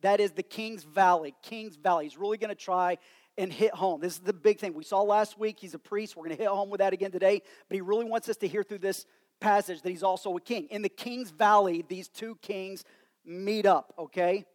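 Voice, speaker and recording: A man's voice: high voice, steady tone, a little fast, a little mellow. A man with a West Texas accent and twang, preaching a sermon in a conversational way.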